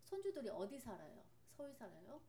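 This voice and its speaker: A woman interviewing an older lady, asking polite, gently probing questions. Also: on the high side, big pitch swings, fairly quick.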